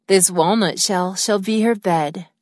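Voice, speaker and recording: A woman voicing a lonely, gentle woman longing for a child in an animated fairy tale. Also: medium pitch, measured pace, close to an everyday voice. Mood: tender. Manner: tender, wistful.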